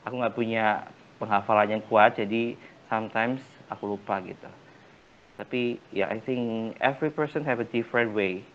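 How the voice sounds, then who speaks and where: A man's voice: on the low side, fairly even intonation, normal speed, highs cut off. A young man with an Indonesian accent, a college student guest on a casual podcast, hesitant and mixing English with Indonesian among many fillers. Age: young adult.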